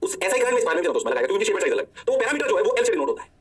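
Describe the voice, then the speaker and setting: A high-pitched male physics teacher with a Hindi accent races through his lecture at a rapid clip. He plays both teacher and student, answering his own questions with mock praise. His voice sounds a little distant from the microphone. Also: big pitch swings, slightly rough. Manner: playful, answers himself in a student's voice. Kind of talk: energetic lecture.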